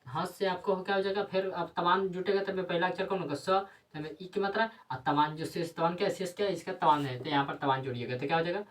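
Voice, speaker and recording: A woman's voice: on the low side, steady tone, quick pace, hardly any pauses, distant mic. A woman teacher gives a grammar lesson. She keeps asking questions and answering them herself, with frequent tag questions.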